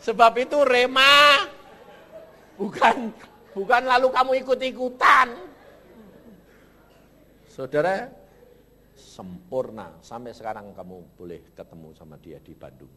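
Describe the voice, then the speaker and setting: A male pastor preaching a sermon in a church, with a Javanese-influenced Indonesian accent and animated storytelling that swings from loud to low. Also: measured pace, long pauses, big-room sound.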